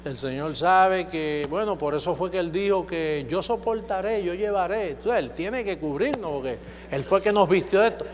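Male preacher, high voice, exhorting sermon that climbs into loud declarations; reverberant hall with a faint hum. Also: normal speed.

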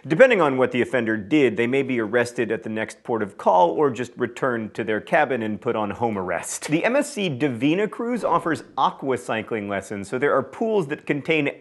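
A man in his thirties hosting a scripted trivia list show from a small studio, with wry deadpan asides. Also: medium pitch, fairly quick, hardly any pauses. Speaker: host. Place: small studio room with shelves of toys behind.

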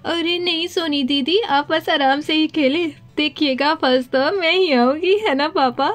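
A woman's voice: sits high, normal speed, fairly bright tone. A woman voicing a cheeky, competitive little village girl in a doll story, sweet and boastful.

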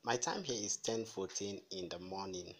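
Nigerian male commentator, chatty, slightly low voice, checks in with listeners constantly. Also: normal speed, low-quality recording. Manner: chatty, frequent "okay?" tags and fillers. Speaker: news commentator. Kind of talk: casual commentary to viewers.

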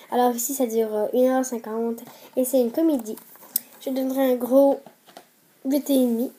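A woman's voice: sits high, warm tone, a little hiss or hum. A woman with a Québécois French accent chatting through casual film reviews, hesitant with many fillers but enthusiastic.

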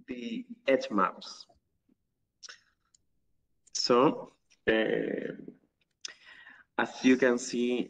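A man from Ecuador, giving an online academic talk over a video call with many fillers and restarts. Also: medium pitch. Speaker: guest lecturer. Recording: distant, dull video call audio.

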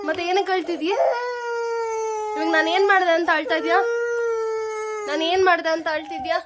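A woman's voice: very high-pitched, steady tone, brisk. A woman at home, a mother, coaxing her child with repeated, questioning talk. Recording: loud background noise.

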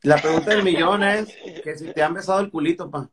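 A man's voice: on the high side, brisk, fairly bright tone, a little hiss or hum. A man, hosting a phone live stream indoors and questioning his guest in crude slang. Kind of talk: casual chat. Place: indoor room. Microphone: phone front camera at arm's length.

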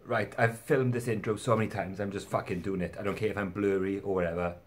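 A man's voice: lowish voice, fairly even intonation, fast, slight background noise. A young man chatting casually in a home vlog, rambling and self-deprecating, swearing now and then. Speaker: fragrance reviewer.

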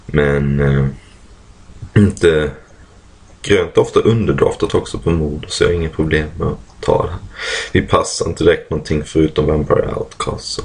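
A man with a very low, gravelly voice and a husky edge talks through a card draft. He thinks aloud in a casual way with plenty of fillers and keeps clearing his throat. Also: steady tone, a little mellow. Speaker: card game player commentating a draft.

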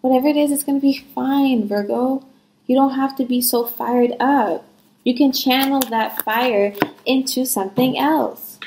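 High-voiced woman giving a frank tarot reading. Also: fairly even intonation, unhurried, darkish tone, echoey room, a little hiss or hum, low-quality recording. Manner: frank, rambling, reassuring, lots of fillers. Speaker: tarot reader.

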